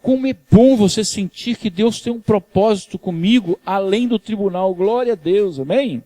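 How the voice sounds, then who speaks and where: A man's voice: sits high, animated, moderate pace, dark tone, no room sound. A male pastor, preaching a sermon in a conversational way, teasing the congregation and asking for amens. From Brazil. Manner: conversational, teases the congregation, asks "amém?". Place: church.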